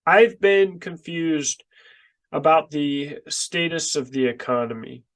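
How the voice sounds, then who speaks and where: A man with a stuffy, congested nose and short breath, talking to camera in a halting, emphatic way as a channel host, close to the microphone. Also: fairly high pitch, animated, fairly bright tone. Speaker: online video channel host, small business owner. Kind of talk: casual vlog monologue to camera. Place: indoors in a basement workroom. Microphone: microphone close in front of the face.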